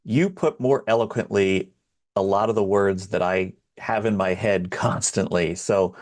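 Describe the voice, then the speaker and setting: A man co-hosting a podcast, chatting casually with a relaxed, teasing, deliberate manner. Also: low-pitched. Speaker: podcast co-host. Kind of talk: casual interview chat.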